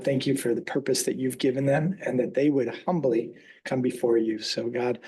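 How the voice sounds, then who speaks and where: A man with a slightly husky voice leads an opening prayer. He speaks earnestly and haltingly, pausing on small fillers as he goes. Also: mid-range voice, warm tone, low-quality recording. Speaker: pastor giving invocation. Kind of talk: spoken prayer.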